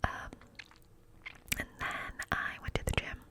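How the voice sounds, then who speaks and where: A woman rambling casually in an ASMR style, in a breathy, unvoiced cupped-hand whisper close to the microphone. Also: slow pace. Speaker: ASMR creator.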